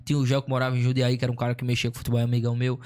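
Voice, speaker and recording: Man, comedian, casual storytelling, slangy, animated, rapid talker. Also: mid-range voice. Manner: slangy, animated, acts out quotes.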